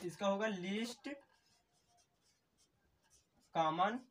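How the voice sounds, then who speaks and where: Math teacher quizzing himself aloud. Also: male voice, high voice, drawn-out words, a bit bright, recorded from a distance. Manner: asks questions and answers them himself, repeats key terms; addresses viewers as friends again and again. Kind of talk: classroom-style lesson at a board.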